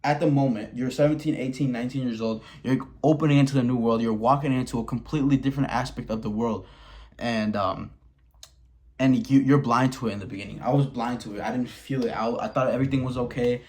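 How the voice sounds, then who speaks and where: In his early twenties and from Wisconsin, this vlogger talks fast in a steady, mid-range voice with a darkish tone. His candid monologue to camera is blunt and profane, with frequent false starts.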